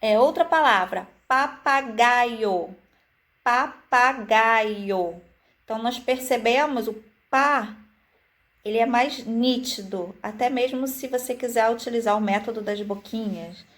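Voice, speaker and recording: A woman explains classroom activities to viewers, stretching out example words syllable by syllable and often filling pauses with "é" and "né". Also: fairly high pitch. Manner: frequent "é" and "né" fillers. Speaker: early-childhood educator. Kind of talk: teaching video, explaining activities.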